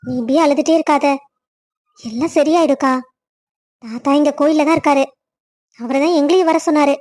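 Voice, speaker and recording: A woman's voice: high voice, steady tone, brisk, a little mellow, natural voice. Woman voicing a coaxing younger sister in a cartoon.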